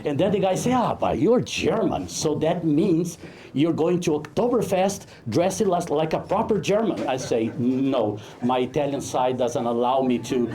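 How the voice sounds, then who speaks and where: A man from Brazil, a film director giving a humorous, anecdotal talk at a networking event, halting often with fillers. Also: a little high, lively intonation, mellow.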